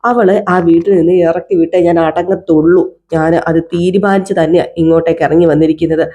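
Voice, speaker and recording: A woman's voice: fairly low pitch, steady tone, brisk, dark tone, close to an everyday voice. A woman voicing a bitter, scheming older mother-in-law who talks indignantly and swears she will drive someone out. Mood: resentful. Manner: indignant, vowing.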